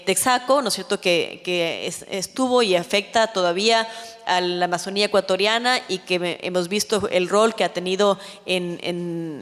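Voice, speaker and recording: A woman's voice: mid-range voice, fairly bright tone. Woman, formal public address, earnest, many fillers, long hall reverb. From Ecuador. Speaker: secretary of an ethics tribunal presenting to lawmakers. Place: legislative chamber hall.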